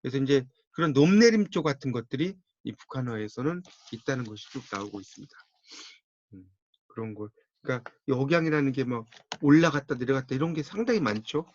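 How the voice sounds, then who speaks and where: A man's voice: medium pitch, brisk. A man giving a classroom lecture, steadily talking students through a textbook page by page and telling them what to circle and underline. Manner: steady instructive pace, tells students to mark the textbook. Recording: dull, muffled dry audio.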